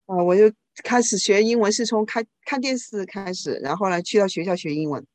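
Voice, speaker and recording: Working as a live interpreter, this woman renders a speaker's talk into another language at a fast, informal clip, frequently correcting herself. She has a medium pitch and a darkish tone.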